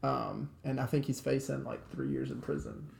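A man's voice: medium pitch, sing-song, normal speed, vocal fry, a little mellow, reverberant. A man co-hosting a podcast in casual chat, rambling with many restarts and fillers. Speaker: podcast co-host.

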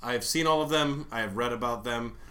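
Bright-voiced man chatting casually. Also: medium pitch, brisk. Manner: rambling, wordy descriptions. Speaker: podcast guest. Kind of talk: casual chat.

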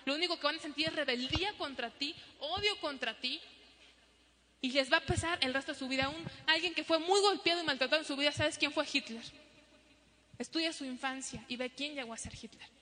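A middle-aged woman preaching a sermon to a congregation, animated, acting out parents and children. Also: high-pitched, brisk. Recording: long hall reverb.

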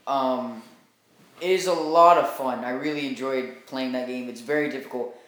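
A man's voice: mid-range voice, normal speed, a bit bright. A young man co-hosting a casual gaming podcast, enthusiastic and rambling, laughing often. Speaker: podcast co-host. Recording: very echoey room.

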